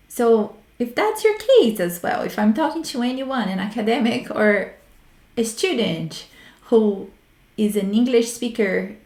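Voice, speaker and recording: A Brazilian woman with a Brazilian Portuguese accent hosts a solo talk on research methods, speaking frankly and reflectively and often stopping to restart her words. Her voice is mid-range and a little mellow, and the recording has a roomy echo.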